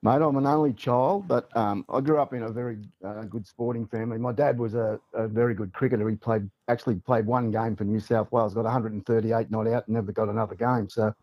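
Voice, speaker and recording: A former rugby league player from Newcastle, Australia, chats as a podcast guest on the line, relaxed and saying "mate" often. His voice sits on the low side and moves quickly with hardly any pauses, and the audio is dull with no echo.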